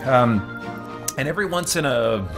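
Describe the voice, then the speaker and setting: A man's expressive, medium-pitched voice carries casual gameplay commentary on his livestream at a normal speed. He thinks aloud hesitantly in an unscripted ramble while background music plays.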